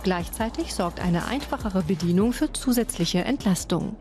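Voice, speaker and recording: A woman narrating a scripted news report in a measured, even way. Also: mid-range voice, faint music behind.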